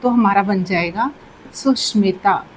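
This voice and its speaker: Slow, patient woman teaching grammar. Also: a little high, animated, darkish tone, slight background noise, poor audio. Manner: patient, repeats key words and checks in with "theek hai". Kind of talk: slow, deliberate classroom explanation.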